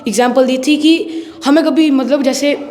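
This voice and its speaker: High-voiced girl student in a reverberant hall. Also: fairly even intonation, normal speed, a little mellow. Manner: eager, recounts lessons to the teacher. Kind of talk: classroom recitation. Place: school classroom. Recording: reverberant classroom.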